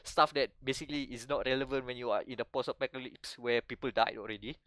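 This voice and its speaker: A young man speaks with a Malaysian English accent, in the middle of his range. He rambles at length in a loose, animated way, with frequent restarts. The recording is close and dry, with no room sound. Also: mid-range voice, fast, dry recording. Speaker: podcast co-host. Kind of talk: casual chat.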